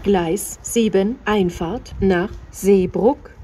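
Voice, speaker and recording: A woman reading flat, scripted railway platform announcements in measured, separate phrases as a station announcer. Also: medium pitch, over music.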